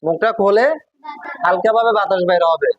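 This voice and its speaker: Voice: mid-range voice, normal speed, no echo, muffled recording. A Quran teacher, patiently drilling a class on letter sounds and asking them questions. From Bangladesh. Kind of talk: classroom call-and-response drill.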